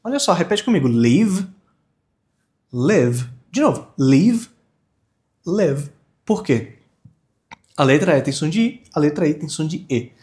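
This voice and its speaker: A young Brazilian man runs a casual video lesson with a fairly high voice. He is informal and energetic, and has learners repeat words after him again and again. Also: brisk. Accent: Brazilian Portuguese. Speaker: English teacher.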